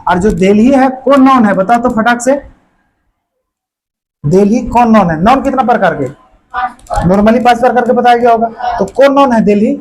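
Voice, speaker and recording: A man's voice: very high-pitched, moderate pace, pauses often, a little hiss or hum, poor audio. A man teaching a grammar lesson to a classroom of students, drilling them with constant questions in a colloquial, repetitive way.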